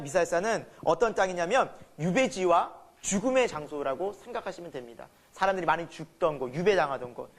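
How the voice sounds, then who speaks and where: A male pastor preaching a sermon, asking the congregation questions and answering them himself. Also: high voice.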